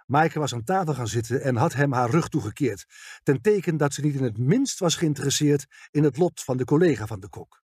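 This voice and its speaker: A man's voice: mid-range voice, animated, a little fast, a little mellow, husky, no echo, studio quality. A man narrating a detective audiobook, reading expressively and voicing all the characters.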